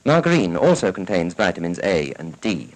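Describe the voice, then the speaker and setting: The narrator of this public information film is a British man with a low, very animated voice and a moderate pace. His formal, instructive script recalls a 1940s educational film, heard on a vintage soundtrack with poor audio.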